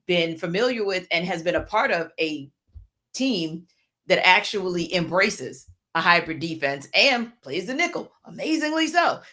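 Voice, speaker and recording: A woman co-hosts a sports talk show, speaking in an articulate, measured and earnest way. Her voice sits fairly low for a woman. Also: sing-song, sharp tone. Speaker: podcast co-host. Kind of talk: casual sports podcast talk.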